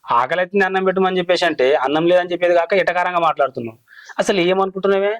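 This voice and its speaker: A man's voice: high-pitched, very fast, no room sound, muffled recording, soft background music, natural voice. A man, playing a hungry, henpecked village husband complaining to his wives. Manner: whining, complaining.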